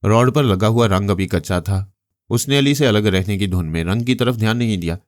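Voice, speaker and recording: Deep-voiced male storyteller. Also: no echo, clean studio sound. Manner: steady, measured storytelling. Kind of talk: audiobook novel narration.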